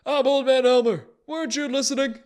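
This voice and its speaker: A crazed ancient wizard rambles in a piercingly high, cracking register far above any ordinary speaking voice. He trails off mid-thought, circles back, and bristles at any slight. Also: steady tone, fairly quick. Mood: shrill rambling. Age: older. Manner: scatterbrained, indignant, rambling with trailing restarts. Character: mad, rambling ancient human wizard man.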